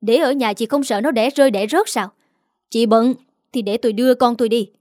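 A woman's voice: a little high, a little fast, mellow, no room sound, clean studio sound, lightly acted. A woman voicing an anxious older mother who speaks urgently and firmly to protect her daughter, in an audio story. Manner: urgent, firm.

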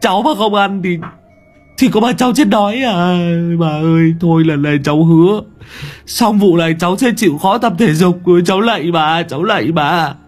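A man's voice: high-pitched, moderate pace, faint music behind, pitched above the performer's own voice. A man voicing a chubby, frightened young man who stammers and pleads in an audio storybook. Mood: pleading.

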